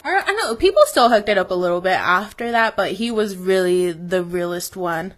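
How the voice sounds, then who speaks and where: A woman's voice: mid-range voice, lively intonation, moderate pace, a bit bright. A young woman co-hosting a casual podcast chat, laughing often, swearing casually and trailing off with fillers. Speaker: podcast co-host.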